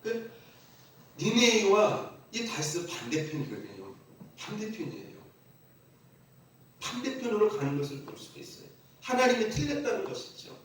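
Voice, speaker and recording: Male pastor preaching, lively up and down voice, lots of rhetorical questions, has the church repeat after him, really echoey room. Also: high-pitched, moderate pace, pauses often. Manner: leads the congregation in call-and-response repetition; emphatic, rhetorical questions to the congregation. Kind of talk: sermon. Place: church sanctuary. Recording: very echoey church from a distant mic.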